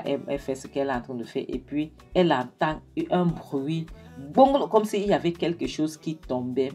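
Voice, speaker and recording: A woman's voice: a bass voice, warm tone. A woman casually recapping a TV series for her viewers. She retells the scenes chattily and quotes the characters with affectionate asides. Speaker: video reviewer recapping a TV series.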